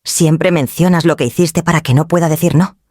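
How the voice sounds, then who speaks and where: A woman's voice: deep voice, fairly even intonation, brisk, darkish tone, no echo, studio quality. A woman voicing a cold, dismissive adult daughter who speaks curtly and impatiently in a story reading. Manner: curt, impatient.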